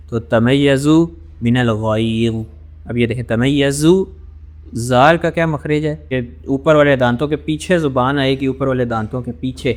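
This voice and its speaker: A man with a Pakistani accent teaching an online Quran lesson, his pitch sitting in the middle range. He explains recitation rules patiently and drops into slow, careful recitation of each verse. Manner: explains in Urdu with English words, slows to recite verses.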